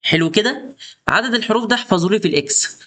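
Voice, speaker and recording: A man's voice: sits high, expressive, quick pace, bright, forceful tone. A young man with an Egyptian Arabic accent teaching a coding lesson in a chatty, coaxing way, often talking straight to the viewer. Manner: chatty, coaxing, addresses viewer as "boss" and "star". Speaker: programming instructor. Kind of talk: screen-recorded coding tutorial.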